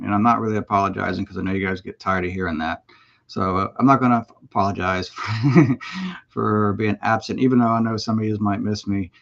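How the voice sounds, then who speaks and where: A man's voice: fairly low pitch, fairly bright tone, dull audio. Rambling folksy man on a livestream. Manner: rambling, folksy, many fillers and restarts. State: has the hiccups. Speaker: motorcycle vlogger. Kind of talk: casual livestream chat.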